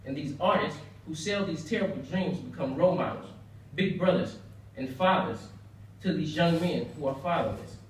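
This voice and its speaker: A man's voice: fairly high pitch, moderate pace. A young American man delivers a prepared persuasive speech in an earnest, emphatic manner, leaning on rhetorical repetition. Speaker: speaker at a banquet. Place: indoor banquet room, heard from far off. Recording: very echoey room, distant mic, faint noise.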